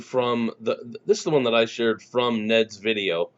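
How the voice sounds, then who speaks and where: A man hosts a livestream chat in an easy, casual way, repeating phrases as he works toward a point. His voice sits at a middle pitch. The call audio is dull and lo-fi. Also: fairly even intonation, a little slow. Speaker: livestream host.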